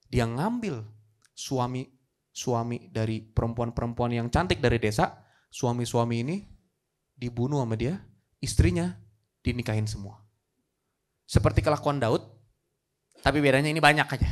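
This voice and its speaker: A man's voice: mid-range voice, moderate pace, long pauses. A male pastor preaching a live church sermon, telling a story dramatically and rising to emphatic peaks. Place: church service, recorded live.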